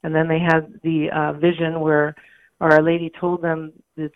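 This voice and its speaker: A woman interview guest speaks in a low, gritty voice that is gravelly and hoarse. She explains things in a conversational way. The sound is narrow and tinny, as over a telephone, with very little room sound. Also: completely flat delivery, a little slow, no echo. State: hoarse from a mild allergy. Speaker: interview guest, communications director. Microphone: phone call. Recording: tinny phone line, radio interview.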